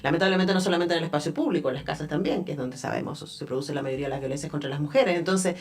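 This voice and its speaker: Chilean lady radio host, talks super fast, chatty, thinks out loud in the studio. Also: sits low. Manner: conversational, thinks aloud with fillers. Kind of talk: radio interview.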